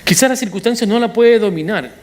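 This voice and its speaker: Un pastor predicando un sermón de forma animada, con apartes juguetones. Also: male voice, high voice, fairly quick. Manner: animated preaching with playful asides. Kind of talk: sermon.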